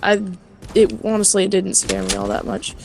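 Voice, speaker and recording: A woman's voice: medium pitch, big pitch swings, normal speed, noisy background. A woman chatting casually while gaming, enthusiastic and trailing off mid-thought. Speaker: gamer chatting while playing. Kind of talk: casual chat. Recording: game music behind.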